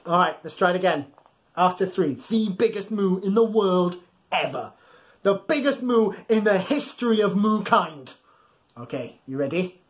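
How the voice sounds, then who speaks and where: At a normal speed and in an expressive, high-pitched voice, a man in his thirties reads young children a bedtime story. He's playful and exaggerated, coaxing them to join in, in a small furnished room at home.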